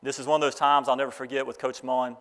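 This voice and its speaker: A man's voice: mid-range voice, level tone, fairly bright tone. Folksy man giving a graduation talk. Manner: folksy storytelling, speeding up and slowing down. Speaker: graduation speaker. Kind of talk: graduation address with Bible reading.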